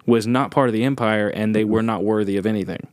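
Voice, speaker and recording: A man's voice: fairly low pitch, steady tone, fast, darkish tone, no echo. A man co-hosting a casual history podcast, joking and laughing often, talking through facts with loose restarts. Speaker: podcast co-host.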